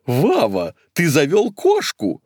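A man's voice: fairly high pitch, wildly swooping pitch, takes it slowly, a little mellow, dry recording, studio quality, voice pushed up, exaggerated voice. A man voicing a flighty, effusive elderly woman in an audiobook. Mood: gushing. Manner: effusive, fluttery. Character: flighty, gushing elderly woman, newly divorced.

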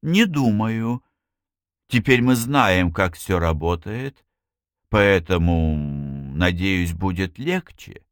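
A man reading the lines of a shy, tender young woman in an audiobook, speaking softly, almost in a whisper. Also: low voice, animated, slow, no echo, studio quality. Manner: soft, near whisper.

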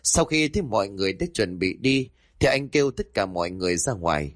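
A male storyteller narrating a ghost story with an animated read. His voice is low but swings widely in pitch. The recording is close and dry, with no room sound. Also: quick pace, dry recording.

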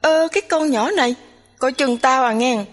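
Reading from a storybook, a woman with a slightly high voice, speaking unhurriedly, plays a blunt, teasing young female roommate who nags, bosses, and chatters. The recording carries a long hall reverb.

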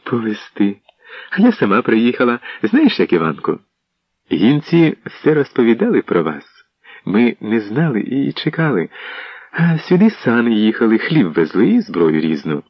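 A man reading an audiobook, voicing an excited young wife and mother who talks breathlessly, on a dull lo-fi recording. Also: mid-range voice, normal speed, husky, no echo. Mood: chattering. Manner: breathless, gushing.

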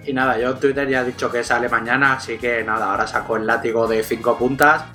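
A man co-hosts a gaming podcast with crude, teasing banter. His voice is bright and forceful at a middle pitch, with light music in the background. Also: fairly even intonation, fast talker. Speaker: podcast co-host. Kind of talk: casual banter.

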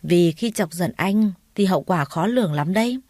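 A smug, lecherous loan shark, read by a woman in a mellow, warm voice, leaning on slow, leering threats. Dry and close, with no room sound around the storybook reading. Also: on the low side, expressive, no echo. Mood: leering, menacing.

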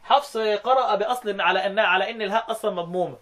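A man with an Egyptian Arabic accent teaching Quran recitation rules, chanting verses slowly and quizzing his student. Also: high-pitched, a bit bright. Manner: chants quoted verses slowly, then asks quick questions.

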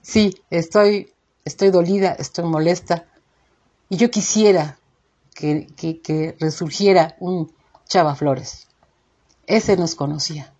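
A woman with a Mexican accent hosts a show, delivering an indignant, emphatic opinion monologue to her listeners in an informal way, packed with rhetorical questions. Her voice sits on the low side with a darkish tone, and she speaks slowly with frequent pauses. The recording cuts off the high frequencies.

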